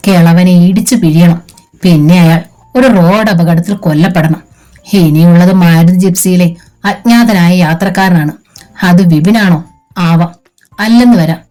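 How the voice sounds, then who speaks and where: Audiobook villain: cold commanding older crime boss, read by a woman, low and warm-toned. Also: measured pace, faint music behind, lightly acted, poor audio. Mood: scheming. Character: scheming older male crime boss in wheelchair.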